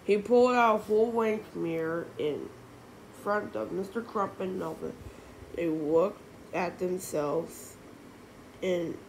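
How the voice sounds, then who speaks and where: Slow, halting woman reading a children's book. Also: on the low side, a little mellow, a little hiss or hum. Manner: halting reading with restarts and slips. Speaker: reader.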